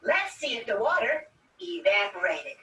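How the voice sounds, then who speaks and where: Sweet nursery-rhyme lady played by a woman, kids' party magician manner, bright and very high, sing-song coaxing, roomy distant mic. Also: big pitch swings, moderate pace. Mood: excited. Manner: exclamatory, sing-song, coaxing children with simple repeated phrases. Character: Mother Goose, sweet doting nursery-rhyme storyteller lady. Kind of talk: children's entertainer show, like a kids party magician.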